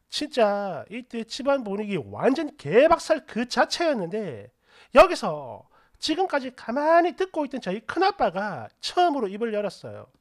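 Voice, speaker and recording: A woman's voice: fairly high pitch, huge pitch swings, measured pace. Chatty woman narrating a family story. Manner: chatty, indignant.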